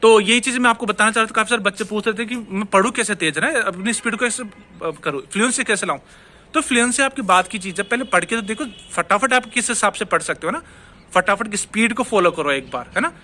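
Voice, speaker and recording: A man's voice: high voice, fast talker, pushed and bright, slight background noise. A man teaching Spanish pronunciation in an online lesson, explaining step by step and answering his own questions. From India.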